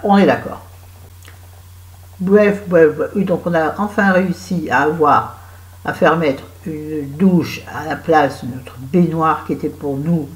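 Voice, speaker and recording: A woman's voice: deep voice, darkish tone. A French woman with a cold and a sore throat, chatting to her viewers in a rambling, self-mocking vlog at home. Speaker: vlogger. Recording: echoey room.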